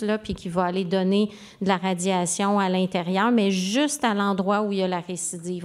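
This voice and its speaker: A woman's voice: medium pitch, a little mellow. A woman with a Québécois accent, a medical specialist giving an informal expert explanation to the public.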